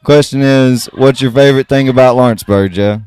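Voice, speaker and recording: A man hosting a podcast, asking people casual questions in a lively, laughing way. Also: mid-range voice, brisk, clear, resonant tone, no echo. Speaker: podcast host. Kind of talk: casual street interviews.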